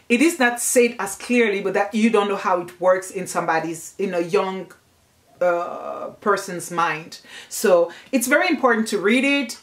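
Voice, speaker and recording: A woman's voice: medium pitch, fairly bright tone. A woman, giving an earnest, emphatic book review in a casual vlog. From Congo. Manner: earnest, emphatic, repeats herself while thinking. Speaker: book vlogger.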